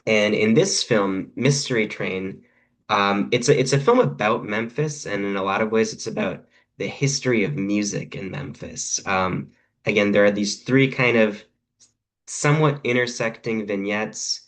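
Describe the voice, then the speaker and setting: A man's voice: fairly low pitch, normal speed. A man, a guest translator, explaining his work thoughtfully with some hesitations. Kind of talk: conversational craft discussion.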